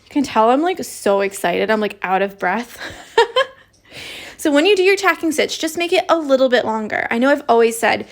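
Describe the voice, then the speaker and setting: A woman's voice: on the high side, expressive, fairly quick, hardly any pauses. A woman teaching an embroidery stitch in a casual, chatty livestream, filling her sentences with "like". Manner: chatty, lots of "like" fillers.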